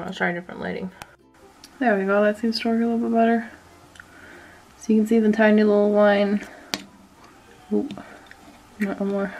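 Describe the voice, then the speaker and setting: A woman's voice: mid-range voice, darkish tone, low-quality recording. A young woman with a cold, vlogging casually at home into a phone camera, chatting with lots of "um" and "like". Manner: chatty, many fillers like "um" and "like". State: has a cold. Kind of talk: casual vlog. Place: home bathroom. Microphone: handheld phone camera.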